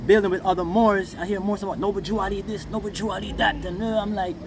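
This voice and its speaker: A man's voice: high-pitched, little pitch movement, quick pace, creaky. A Jamaican man giving impassioned, informal Rasta-style reasoning, emphatic and often checking that his listener follows. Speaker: interviewee. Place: outdoors near passing vehicles. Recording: noisy outdoor recording with traffic.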